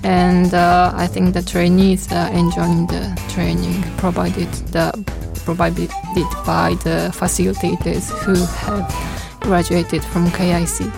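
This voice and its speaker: A woman's voice: on the low side, monotone, slow, vocal fry, few pauses, over music. A woman giving a spoken report on a radio program.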